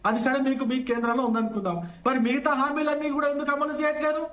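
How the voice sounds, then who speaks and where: A man with a Telangana accent arguing in a heated TV news debate, combative and rapid-fire, hammering the same accusations again and again. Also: extremely high pitch, a bit bright, muffled recording. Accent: Telangana Telugu. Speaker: debate panelist.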